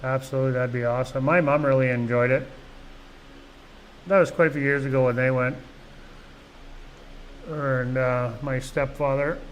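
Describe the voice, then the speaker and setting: A man's voice: mid-range voice, fairly even intonation, normal speed, long pauses, a little hiss or hum, rough recording. A middle-aged man from Canada hosting a casual live vlog, rambling along with lots of "you know" and restarts. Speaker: vlog host. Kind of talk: casual live-stream chat.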